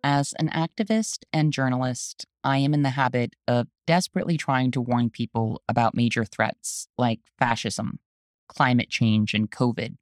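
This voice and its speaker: An activist and journalist hosting the show, reading a scripted spoken essay in an earnest, urgent, deliberate way. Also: medium pitch, fairly even intonation, no echo, clean studio sound.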